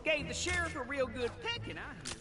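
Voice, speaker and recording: A woman's voice: high voice, sing-song, fairly quick, heavy background noise. A woman voicing a folksy Old West townswoman in a video game, with a frontier drawl like an old prospector. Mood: gossiping. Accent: American Old West drawl. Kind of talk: cartoonish video game character acting. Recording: music behind the voice. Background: loud game music.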